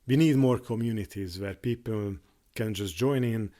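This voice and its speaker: Lowish and dark in tone, this man, a Hungarian native and YouTuber, speaks unscripted on his channel. His monologue halts frequently, full of fillers and restarts.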